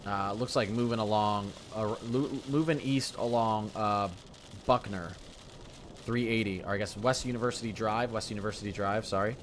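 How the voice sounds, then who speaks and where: A man hosting a live severe weather stream, commenting in a halting way and often repeating or correcting himself. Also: fairly low pitch, fairly even intonation, slight background noise.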